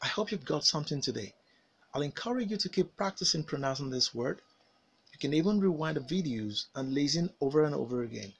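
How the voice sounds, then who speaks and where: A man with a Nigerian English accent, teaching pronunciation as a speech coach, enunciating each word slowly and carefully. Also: medium pitch, vocal fry, fairly bright tone, breathy edge. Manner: slow, deliberate enunciation, drawn-out model sounds. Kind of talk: phonics pronunciation lesson.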